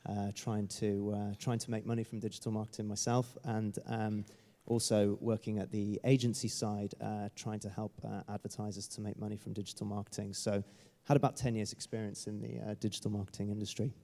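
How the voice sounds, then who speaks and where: A man's voice: fairly low pitch, level tone, brisk, warm tone. A man introducing himself on a conference panel, hesitant with many uhs. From England. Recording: long hall reverb.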